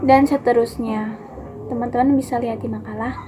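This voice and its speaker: A woman's voice: a little high, steady tone, a little fast, over music. A young woman student giving a class presentation, explaining steadily and speaking to her classmates with small fillers.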